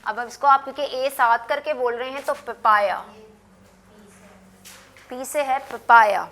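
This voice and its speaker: A woman teaching English words in a television lesson, patiently repeating and spelling each word slowly for learners to copy. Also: high-pitched, a bit bright. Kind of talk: classroom lesson with repetition drills.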